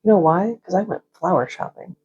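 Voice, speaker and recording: A woman hosting a casual, chatty watercolor tutorial in a rambling, self-deprecating, slightly scattered way, with a slightly husky, creaky voice. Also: on the low side, a little fast, darkish tone, dull audio. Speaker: painting instructor.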